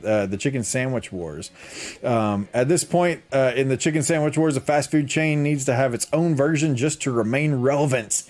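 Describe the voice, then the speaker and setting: A man's voice: medium pitch, a little mellow. Chatty man hosting a casual podcast. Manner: laughs often, rambling with fillers. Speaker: podcast host. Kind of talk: casual chat reading chat comments.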